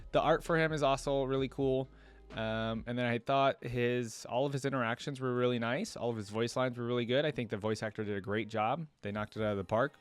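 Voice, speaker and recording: This man's voice is medium-pitched, clear and resonant. He's a video host doing loose, meandering reaction commentary, often turning to the listener with a "right?" or "you know."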